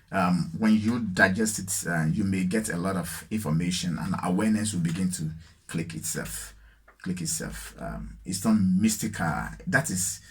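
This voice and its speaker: A Ghanaian man with a lowish, slightly rough voice vlogs alone as the light fades, musing on spiritual matters without a script. He speaks slowly and haltingly, full of fillers, repeating words and phrases for emphasis.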